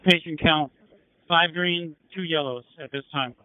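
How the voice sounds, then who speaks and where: Male firefighter, slightly high and very clean voice, urgent businesslike radio reports, dry narrow band. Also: steady tone, unhurried, clear, resonant tone, no room sound. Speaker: firefighter officer reporting from the scene. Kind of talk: fire radio status reports, clipped.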